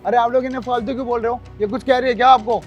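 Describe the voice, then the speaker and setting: A calm, fair-minded male vegetable seller, put on by a woman, speaking fast in a low, reproachful voice. The sound is dull and lo-fi, with music clearly underneath. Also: lightly acted.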